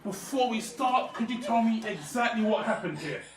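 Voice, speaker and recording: A man playing a brisk paramedic, distant and roomy. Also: sits high, lively intonation. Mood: brisk, professional. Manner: brisk, practical questioning. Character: male paramedic attending a collapsed woman. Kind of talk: music video drama scene. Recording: roomy, distant, noisy ambience.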